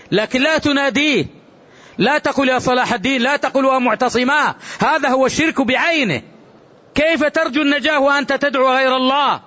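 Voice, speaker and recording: A man's voice: extremely high pitch, a bit bright. A man, an Islamic scholar, giving a religious lecture that grows fervent and emphatic, with long rising supplications. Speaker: Islamic scholar teaching a book. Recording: dull lo-fi recording.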